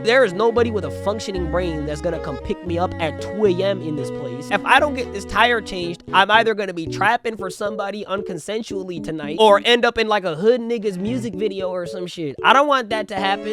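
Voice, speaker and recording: A young man telling a comedic, profane storytime vlog in an animated, slangy way. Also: high voice. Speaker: storytime vlogger. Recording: music playing loudly under the voice. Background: background music.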